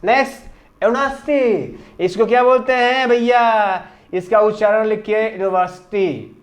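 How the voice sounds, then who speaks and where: Hindi-accented guy teaching grammar, high voice, slow and repetitive. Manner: call-and-response drilling, repeats questions to pupils. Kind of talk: classroom lesson. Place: classroom.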